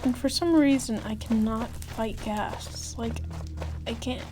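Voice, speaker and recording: A woman giving casual gameplay commentary as a voice-over, in a rambling, halting, self-deprecating and complaining way. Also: a little high. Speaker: gaming video creator. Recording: voice-over with prominent background music. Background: prominent music.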